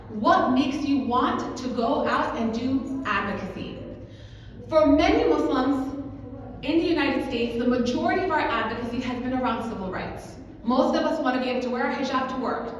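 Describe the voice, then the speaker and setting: A woman's voice: high-pitched, recorded from a distance, a little hiss or hum. A woman who grew up in Kuwait giving a persuasive talk to a convention audience, often asking them "right?". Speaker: advocacy manager speaking at a convention. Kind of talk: conference talk. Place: large convention hall. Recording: echoey hall recording from afar, dull.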